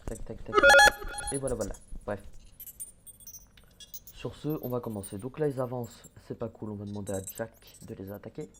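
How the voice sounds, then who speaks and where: Faint background noise accompanies a young man's fairly low voice at a normal speed, broken by frequent pauses. He's a gaming YouTuber chatting casually through a let's-play, hesitating, restarting, using lots of fillers, and muttering as he plays.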